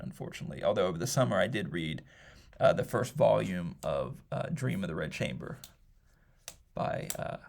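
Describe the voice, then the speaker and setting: A young man talking quietly in his office with a grumbly vocal fry, rambling and hesitant in a casual solo monologue. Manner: quiet, talking low to avoid being overheard. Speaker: podcaster.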